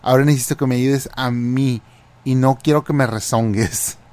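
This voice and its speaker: A man's voice: fairly even intonation, moderate pace, a little mellow, close to an everyday voice. A man with a Mexican accent voicing a rude, demanding woman shopper who scolds and orders people around. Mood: indignant. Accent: Mexican Spanish. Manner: bossy, shrill and scolding.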